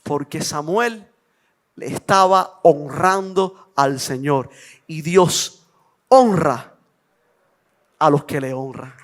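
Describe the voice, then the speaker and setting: A man preaching a sermon, telling a Bible story dramatically and building to loud, fervent exhortation. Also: fairly high pitch, slow, pauses often. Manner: dramatic storytelling, acting out the characters' lines.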